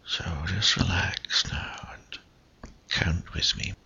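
Male, gravelly, slow hypnotic whisper right in the ear for intimate relaxation audio; breathy, close-miked. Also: fairly even intonation, bright, forceful tone, muffled recording. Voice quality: breathy, husky, gravelly low voice. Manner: slow, coaxing, hypnotic delivery with short phrases.

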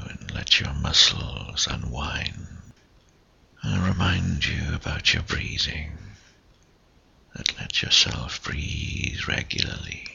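A man speaking in a breathy, intimate whisper right in the listener's ear, coaxing and hypnotic, in the style of sensual relaxation audio. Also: pushed and bright, muffled recording. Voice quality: breathy, husky, gravelly low voice. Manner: slow, coaxing, hypnotic delivery with short phrases.

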